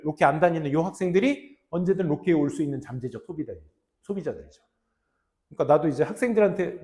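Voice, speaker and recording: A young adult man teaching an English reading lesson in casual speech, often dropping to low mutters and acting out students' lines. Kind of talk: classroom lecture.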